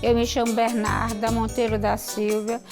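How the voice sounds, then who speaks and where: A woman from the interior of Maranhão with a local accent, telling her story in a halting way and restarting her sentences. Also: a little high, level tone. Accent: Maranhão Brazilian Portuguese. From interior of Maranhão, Brazil. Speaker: street vendor interviewee. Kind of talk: personal recollection. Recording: music under the voice.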